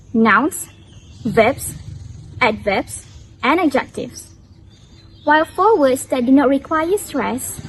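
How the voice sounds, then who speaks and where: A woman's voice: high voice, a little hiss or hum, low-quality recording. A young woman student presenting a scripted lesson on English pronunciation in a careful, explanatory way. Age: young adult. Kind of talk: scripted educational narration.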